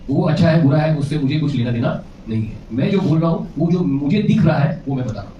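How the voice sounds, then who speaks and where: A man's voice: a little high, lively intonation, fast talker, warm tone, distant mic, a little hiss or hum. A male relationship coach giving a seminar lecture, quizzing the audience and often chuckling. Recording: echoey, muffled hall recording from afar.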